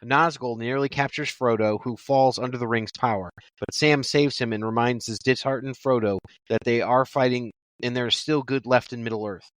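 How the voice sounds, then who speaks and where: A man's voice: mid-range voice, fairly even intonation, moderate pace, few pauses, no echo, rough recording. A man co-hosting a movie review podcast, joking in chat and reading a plot summary aloud. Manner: joking, reads summaries steadily. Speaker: podcast co-host.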